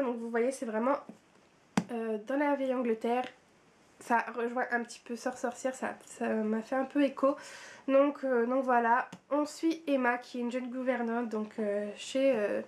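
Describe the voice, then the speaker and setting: A woman's voice: sits high, darkish tone. A woman with a French accent chatting casually about her month's reading for her book vlog, repeating words for emphasis with many fillers. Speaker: book vlogger.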